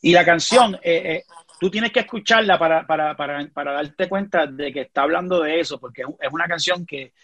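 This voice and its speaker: A middle-aged man with a Puerto Rican accent speaks in a husky, fairly high voice, recorded close and dry. He talks as a guest in casual conversation, telling a personal story earnestly and keeps checking that the listener follows. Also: brisk, a bit bright, dry recording, dull audio. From Puerto Rico.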